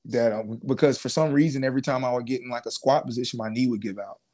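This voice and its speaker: A man's voice: medium pitch, quick pace. Laid-back young man telling his story. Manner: relaxed, casual slang, many fillers and restarts. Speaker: guest, former pro football player. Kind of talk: casual interview storytelling.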